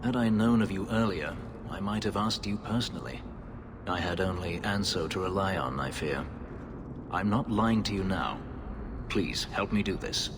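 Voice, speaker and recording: This game dialogue features a low male voice at a moderate pace over background noise and game music. The actor portrays a brooding elf warrior who fled slavery, with a grave, formal, clipped manner.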